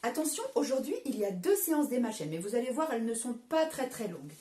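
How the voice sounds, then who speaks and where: A French woman teaching young children in a recorded lesson, patient and clear as she spells out word endings letter by letter. Her pitch sits fairly high and moves a lot, with a mellow tone. The sound is roomy and echoey, picked up by a camera some distance away. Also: big pitch swings, fast talker. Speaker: primary school teacher.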